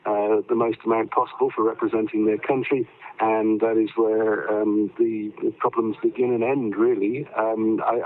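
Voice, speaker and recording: Man on a tinny video-call line. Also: on the low side. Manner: hesitant, with many fillers and restarts. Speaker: rugby commentator. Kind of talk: remote news interview. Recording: tinny phone-like call audio.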